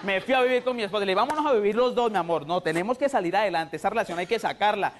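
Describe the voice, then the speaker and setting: A man with a Colombian accent doing a loud, rowdy stand-up routine and acting out the people in his jokes. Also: sits high, very fast, a little hiss or hum. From Huila, Colombia. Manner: loud, rowdy, acts out quoted voices. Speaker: stand-up comedian. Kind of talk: stand-up routine on TV comedy show.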